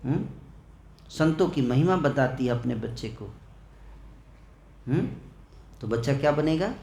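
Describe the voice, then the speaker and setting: A man's voice: mid-range voice, lively intonation, unhurried, vocal fry, darkish tone, reverberant, a little hiss or hum. A male preacher giving a festival sermon, telling a story and repeatedly quizzing his live audience with short questions. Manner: storytelling, acts out quoted lines. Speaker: ISKCON preacher. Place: indoor festival hall.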